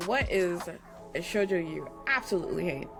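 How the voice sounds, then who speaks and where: A woman co-hosting a podcast in casual chat, relaxed and chuckling, steering the talk with questions. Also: lowish voice, moderate pace, gravelly, over music. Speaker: podcast co-host.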